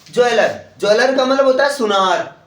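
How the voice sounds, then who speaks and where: A man teaching a class, spelling words out letter by letter and often asking the students if it is clear. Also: extremely high pitch, normal speed, a bit bright. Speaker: English teacher. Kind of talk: classroom lesson with call and response. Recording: roomy classroom audio from a distance.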